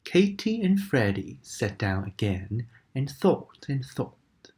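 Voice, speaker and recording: This is a slow, expressive bedtime story read by a woman whose very low voice swings with emotion. Her narration is dramatic, and she dips into whispers when the story turns sad.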